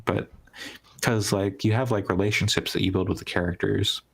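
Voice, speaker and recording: Podcast co-host, man, very low and creaky, meandering casual talk with many fillers. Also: fairly even intonation, normal speed. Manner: rambling, heavy use of "like", trailing restarts. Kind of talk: casual gaming podcast chat.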